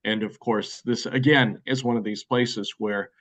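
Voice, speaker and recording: A man's voice: on the low side, steady tone, measured pace, a bit bright, poor audio. An American man answering interview questions at length, thoughtful and hedging, with many fillers and restarts. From United States. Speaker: guest expert.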